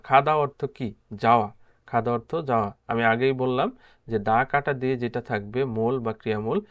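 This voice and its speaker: A man's voice: mid-range voice, dull audio. A man teaching a grammar lesson. He repeats each word and answers his own questions. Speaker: language teacher.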